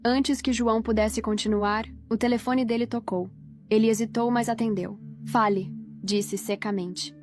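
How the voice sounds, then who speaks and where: Woman, slightly high voice, dramatic narration, faint music behind. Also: moderate pace. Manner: steady dramatic reading. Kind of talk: scripted narration.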